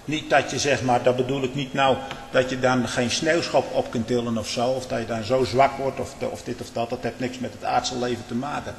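A man preaching a sermon, swinging from hushed prayer to loud fervent exclamations, with frequent rhetorical "hm?" asides. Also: mid-range voice, steady tone, brisk, vocal fry, slight background noise. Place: church. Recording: echoey church hall.

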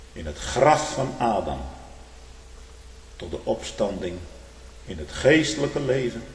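A low-voiced male pastor preaches emphatically, his pitch rising and falling a great deal. He swings between loud declarations and hushed asides, tagging lines with a questioning "hm?". The voice rings out in a large church with a long echo. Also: vocal fry, slight background noise. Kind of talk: sermon. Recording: echoey church hall.

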